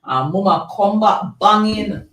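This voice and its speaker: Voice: mid-range voice, measured pace, fairly bright tone, recorded from a distance, slight background noise. Rambling Jamaican live-stream host, off-mic. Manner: rambling, repeats words, laughs often. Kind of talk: casual live-stream chat, reading viewer comments. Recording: roomy sound, voice off-mic.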